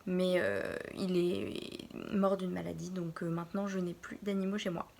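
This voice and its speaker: A young woman in her early twenties from Normandy, answering Q&A questions in a casual vlog from her bedroom, pausing often to think. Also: fairly low pitch, vocal fry, a little mellow, slight background noise. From France, Normandy. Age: early 20s. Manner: hesitant, pauses often to think. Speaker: vlogger.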